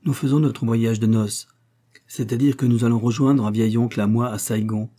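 A man's voice: medium pitch, steady tone, moderate pace, dark tone, close to an everyday voice. A man voicing a cheerful, talkative young French newlywed in an audiobook, chatty and enthusiastic.

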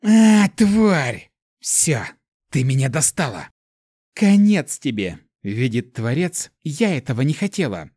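A man voicing a shrill bratty dragon girl. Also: sing-song, unhurried, no room sound, clean studio sound. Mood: furious. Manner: shrill, shouting, swearing. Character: bratty hot-tempered dragon elemental in girl form.

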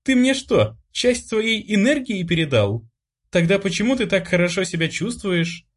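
A man voicing an excitable, bossy teenage sister. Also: normal speed. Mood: excited. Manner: high, breathy, excitable. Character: teasing, bold teenage sister, playful and bossy. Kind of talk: audiobook character voice.

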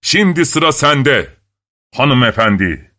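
A man voicing Bluebeard, a cruel nobleman who growls and speaks slowly and threateningly. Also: lowish voice, lively intonation, fairly bright tone, no echo, clean studio sound, voice pushed down. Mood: roaring. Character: menacing cruel male nobleman, older.

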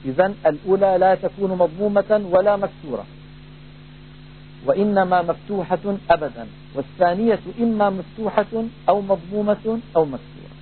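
A man teaching a Quran recitation lesson, explaining rules in a measured way and slowly drawing out recited examples. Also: high voice. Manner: measured, drawn-out demonstrations of recited words. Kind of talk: tajwid lesson with demonstrated recitation. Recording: tinny phone-like band, faint hum.

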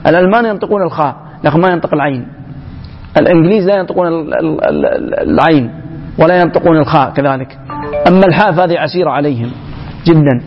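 A man giving an emphatic public lecture to young people, often pausing and restarting mid-phrase. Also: fairly high pitch, animated, faint music behind. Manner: emphatic, halting, with frequent restarts. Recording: echoey hall, dull lo-fi sound.

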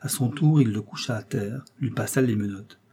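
A man narrating an adventure novel aloud in a measured, dramatic storytelling manner. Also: on the low side, warm tone, breathy edge. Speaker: audiobook narrator. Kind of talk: scripted narration.

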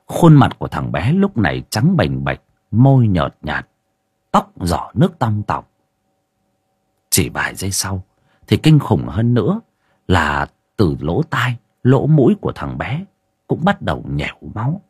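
A man's voice: low voice, huge pitch swings, measured pace, darkish tone, breathy edge, no room sound, studio quality. A man, narrating a ghost story with dramatic expression.

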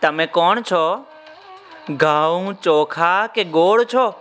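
A small, wide-eyed female ant from a children's storybook, put on by a male narrator. She squeals with wonder and drags her words out in long, high cries. Her voice sits far above a grown man's. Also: a bit bright, soft background music, exaggerated voice. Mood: curious. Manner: squealing, drawn-out exclamations. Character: small excited female ant, eager and curious.

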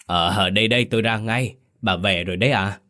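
A man doing a flustered, excitable village husband. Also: lowish voice. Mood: worried. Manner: flustered, quick questions.

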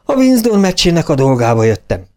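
A man's voice: a little high, very animated, mellow, pitched above the performer's own voice. A man voicing a young English football captain, a shipowner's son, who talks eagerly and asks questions.

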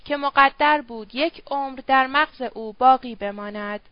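A woman narrating an audiobook in a steady, measured reading. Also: high-pitched, no echo. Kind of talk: scripted narration. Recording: dull dry lo-fi audio.

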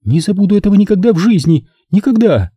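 A man's voice: fairly quick, dark tone, dry recording, clean studio sound. A man voicing a jealous, mocking woman in an audiobook, with a trembling, snide voice. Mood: shaken. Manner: shrill, trembling, then snide.

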